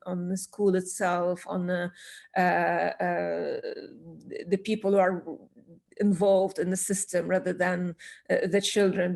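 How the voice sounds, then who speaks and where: A woman from Syria, speaking as a guest in an interview. Her voice sits low and has a gravelly edge. She talks with earnest passion, often restarting a word or two before finishing her thought. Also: darkish tone. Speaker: children's author, guest. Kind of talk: conversational interview answers.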